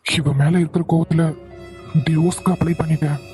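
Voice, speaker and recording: A man voicing a young husband and father in an animated cartoon, quietly remorseful in his thoughts. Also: fairly high pitch, brisk, soft background music, natural voice, rough recording. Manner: soft, remorseful inner monologue.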